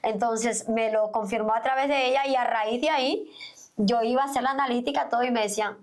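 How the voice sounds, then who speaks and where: A middle-aged pastor, appearing as a guest on a podcast, tells the story of her faith with earnest conviction and reenacts the conversations she describes. She speaks briskly in a fairly high voice.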